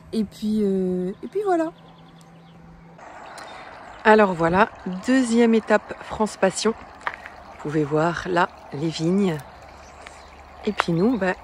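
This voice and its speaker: A woman in her forties chatting casually as a travel vlogger, with many filler pauses, talking to a camera held at arm's length. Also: mid-range voice. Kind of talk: casual vlog narration. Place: camper van and outdoor campsite. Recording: noisy road and vehicle background.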